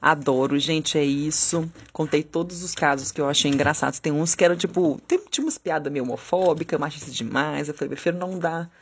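A woman, hosting a podcast and telling funny stories in a lively, laughing way. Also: brisk, hardly any pauses, slight background noise. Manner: animated, laughing, acts out quotes in high squeals. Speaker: podcast host. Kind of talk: casual storytelling.

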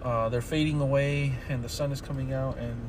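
A man's voice: medium pitch, steady tone, brisk. Rambling joking podcast man. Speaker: podcast co-host. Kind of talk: casual chat. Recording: background noise.

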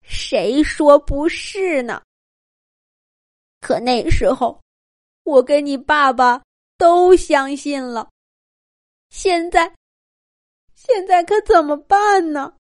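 A woman's voice: high voice, a little slow, pauses often, dry recording, clean studio sound, pitched above the performer's own voice. A woman doing a sorrowful mother mouse. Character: grieving, worn-out mother mouse.

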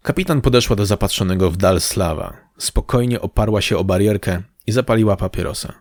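Low-voiced male audiobook narrator. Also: fairly quick, a little mellow, no room sound, studio quality.

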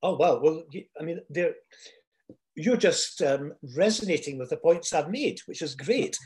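An older man Scotland, telling personal stories reflectively in a hesitant, pausing way. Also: on the high side, darkish tone.

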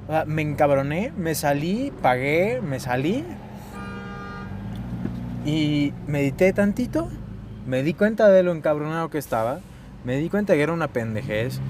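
A man with a Mexican accent talking to the camera in a casual vlog while he drives, excitable and full of slang and swearing. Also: fairly high pitch, noisy background. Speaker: vlogger. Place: inside a car while driving.

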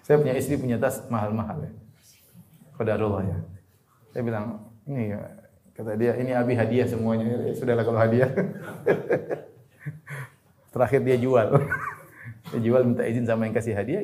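A man giving an Islamic sermon, rising to emphatic points and then dropping to soft, low asides, sometimes chuckling at his own examples. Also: fairly even intonation, normal speed, pauses often. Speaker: preacher.

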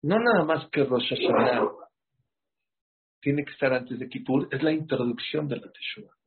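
A man giving an animated sermon, full of rhetorical questions to his listeners. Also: medium pitch, moderate pace, husky. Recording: muffled lo-fi sound.

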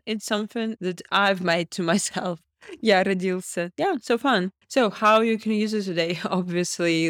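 A woman's voice: lowish voice, no echo, studio quality. A woman with a Russian accent, a native Russian speaker hosting a short educational podcast and explaining phrases like a language teacher.

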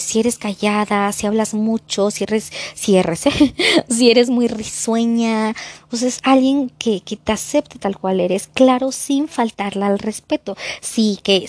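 Chatty, expressive Mexican woman with a dry sound. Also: on the high side, dry recording. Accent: Mexican Spanish. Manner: expressive, chatty, slangy, easily sidetracked. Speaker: vlogger giving relationship advice. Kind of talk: unscripted casual monologue.

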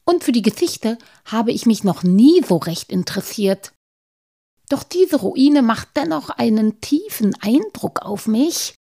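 A woman's voice: fairly high pitch, sing-song, measured pace, mellow, voice pushed up, exaggerated voice. A woman voicing a dreamy, sentimental male gnome in a storybook reading, speaking in rising, gushing phrases. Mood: musing.

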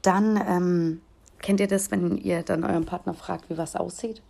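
A woman's voice: on the low side, fairly even intonation, unhurried, creaky, mellow. A woman in her thirties hosting a podcast, delivering a blunt, crude, comedic rant in an exasperated tone. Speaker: podcast host.

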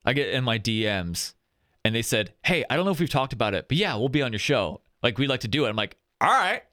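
A young man hosting a casual gaming podcast, chatting and running through plugs and shout-outs. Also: mid-range voice, expressive, fast, no room sound, clean studio sound. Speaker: podcast host.

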